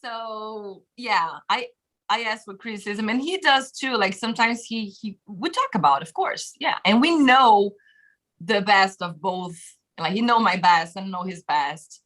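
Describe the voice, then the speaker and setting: Joining a casual interview as a guest musician, a Portuguese-speaking Brazilian woman talks in a bright, mid-range voice at a measured pace, animated, laughing a lot, and full of fillers. She is on a webcam video call from her bedroom home studio indoors.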